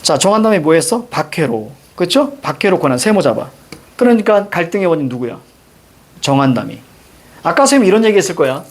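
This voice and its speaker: Husky guy teaching a class, kinda high voice, really bouncy and lively, keeps quizzing students. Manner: brisk, directive, asks students frequent questions. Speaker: literature teacher. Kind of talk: classroom lecture.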